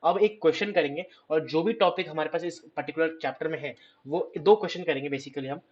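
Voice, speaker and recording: A hoarse man teaching a math lecture, asking questions and answering them himself. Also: a little high, brisk, lo-fi sound. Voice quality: clears his throat. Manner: explains step by step, asks and answers his own questions. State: hoarse, scratchy throat.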